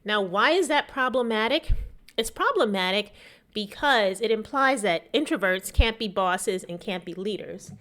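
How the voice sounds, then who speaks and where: A woman's voice: mid-range voice, animated, a little slow, a bit bright. A woman hosting a casual explanatory talk in a slightly shaky voice worn by a lingering cough, making her points emphatically and with opinion. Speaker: host, small business technology educator.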